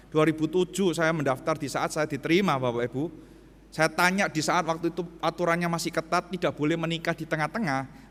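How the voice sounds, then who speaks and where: A man. His voice sits high and sounds bright and forceful, and it rings out with long reverb in a large church hall. He tells stories and speaks straight to the congregation. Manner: storytelling, addressing the congregation directly. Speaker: pastor. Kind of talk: sermon.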